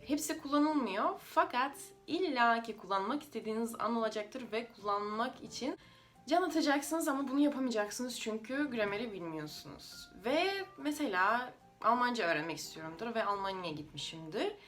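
A woman's voice: fairly high pitch, lively intonation, normal speed, fairly bright tone, faint music behind. Russian-accented woman speaking non-native, slightly unidiomatic Turkish. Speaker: language-learning video creator. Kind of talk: informal explanatory talk to viewers.

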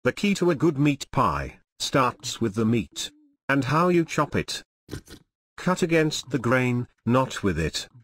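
Male gameplay commentator, crude and brash, lively pitch, dry close mic. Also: slow pace, slightly rough, no room sound.

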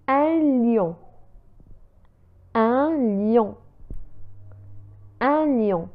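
Woman teaching slowly over a tinny line. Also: medium pitch. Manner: slow, carefully repeated French words between quicker Arabic explanations. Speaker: French teacher. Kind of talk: language lesson. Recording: tinny phone-like sound.

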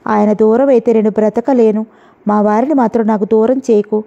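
A woman voicing a jealous young wife who speaks in sharp, sarcastic taunts, read in a storybook. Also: on the high side, steady tone, fairly quick, creaky. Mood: accusing. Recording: dull lo-fi audio.

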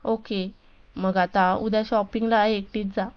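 A woman's voice: medium pitch, little pitch movement, unhurried, clean tone, highs cut off, natural voice. A woman voicing a playful young man who teases his fiancée affectionately, in a storybook reading. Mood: teasing. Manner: teasing, affectionate.

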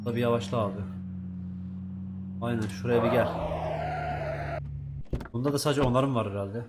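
A man's voice: mid-range voice, normal speed, heavy background noise. A man giving casual let's-play commentary, chatting to himself and swearing at the game's characters. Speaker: gaming YouTuber.

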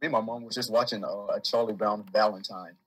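A man, a podcast guest, chatting casually in a laid-back, halting way. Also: lowish voice, steady tone, fairly bright tone, slightly rough. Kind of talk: casual group chat.

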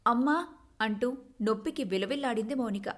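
A woman storyteller giving scripted, expressive narration of a family story. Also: fairly high pitch, normal speed.

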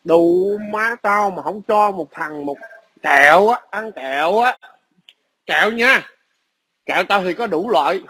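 A man's voice: high voice, expressive, a little slow, long pauses, pushed and bright, slight background noise. A man, ranting aggressively and profanely into a phone camera at his workplace. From Vietnam. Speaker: vlogger. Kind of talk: angry ranting video message.

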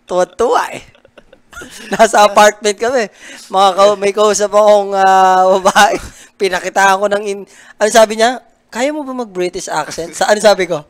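A man's voice: high voice, steady tone, moderate pace, smooth. Male co-caster, jokey storyteller, frequent laughs, casual. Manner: joking storyteller, laughs often. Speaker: esports co-caster. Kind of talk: casual game commentary.

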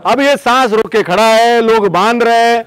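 A man telling a folk tale as a motivational speaker, in a folksy, animated manner that calls his listeners boss. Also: very high voice, moderate pace, clean tone. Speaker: motivational storyteller. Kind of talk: motivational storytelling.

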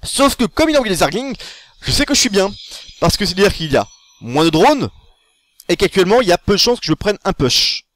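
Excitable man with a lively high voice. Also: brisk, no room sound. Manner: chatty and excitable, with fillers and self-corrections. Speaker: gaming tutorial host. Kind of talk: casual tutorial commentary over his own game.

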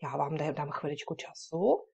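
A woman teaching English words to children in a lively, encouraging way, drilling them loud, soft, fast and slow. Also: deep voice, vocal fry, husky. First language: Czech. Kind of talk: children's lesson video with repetition drills.

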